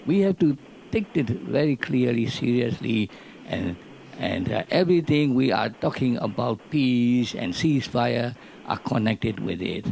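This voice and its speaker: A man's voice: medium pitch, expressive, measured pace, creaky, darkish tone, a little hiss or hum. A man making an earnest, pleading comment from the audience about his country's military.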